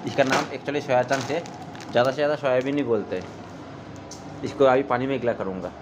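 A cooking vlogger narrates a home recipe for his viewers at a quick clip, chatty and relaxed, walking through each step and repeatedly calling them "friends." His pitch is ordinary, and the kitchen audio has clear background noise, including traffic from outside.

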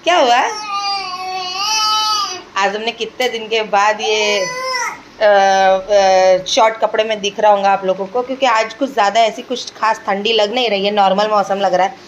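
A woman's voice: medium pitch, fairly even intonation, normal speed, lo-fi sound, background noise. A young woman chatting to her viewers at home while looking after her small children. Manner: chatty, addresses viewers directly, coos at her baby. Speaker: vlogger and mother. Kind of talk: casual home vlog chat.

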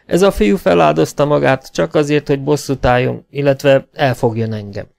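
Brief: man reading a stern, composed gang boss in an audiobook, measured, gravelly, middle pitch. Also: close to an everyday voice. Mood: calm, stern. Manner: quiet, measured, cold authority. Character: calm, commanding male outlaw chief.

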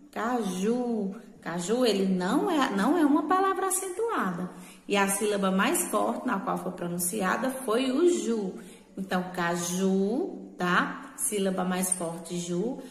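A Brazilian woman teacher giving a remote lesson, talking patiently, repeating words slowly and checking in with short tag questions. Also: a little high. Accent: Brazilian Portuguese. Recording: echoey room with long reverb.

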